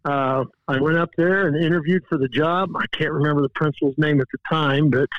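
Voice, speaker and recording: A man in his sixties from Indiana who played and coached high school football. He tells his story in a folksy, rambling way, full of fillers. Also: fairly even intonation, brisk, no echo, dull audio. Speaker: guest coach. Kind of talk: casual storytelling.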